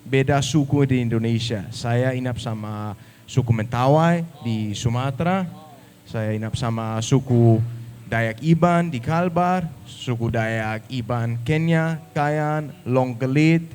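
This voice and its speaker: A man's voice: mid-range voice, slow pace, a little mellow. A man from Denmark with a Danish accent, speaking Indonesian as a foreigner with some English mixed in, giving an informal talk to an audience. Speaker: guest speaker, travel YouTuber.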